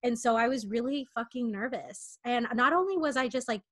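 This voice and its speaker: A woman's voice: on the high side, fairly quick, a bit bright. A woman in her twenties chatting candidly and rambling, with lots of fillers and restarts. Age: 20s. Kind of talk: casual chat.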